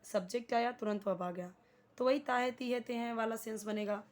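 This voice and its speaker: A woman teaching grammar, explaining in Hindi and reading examples slowly and deliberately. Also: on the high side, fairly even intonation. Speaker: English teacher. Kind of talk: slow classroom explanation.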